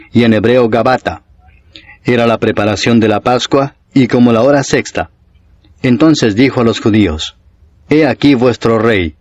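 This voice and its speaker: A man reading scripture aloud in a steady, solemn narration, raising his voice a little for the crowd's shouts. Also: mid-range voice, no room sound, muffled recording. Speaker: Bible reader.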